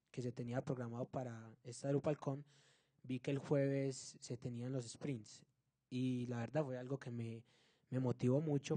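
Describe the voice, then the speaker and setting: A man's voice: medium pitch, dark tone, no echo. A man giving an informal comment in a modest, tentative way. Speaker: conference attendee. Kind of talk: informal self-introduction and comment.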